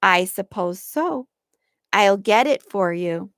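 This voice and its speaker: A woman voicing a patient gentle mother. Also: mid-range voice, slow pace, no echo, clean studio sound. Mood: soothing. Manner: calm, soothing.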